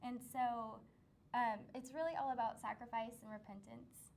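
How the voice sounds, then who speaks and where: A woman's voice: on the high side, fairly even intonation, normal speed, gravelly, a little mellow, a little hiss or hum. A young woman co-hosting a student talk show, chatting casually with many ums and easy laughs. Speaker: student producer and co-host. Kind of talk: casual interview chat.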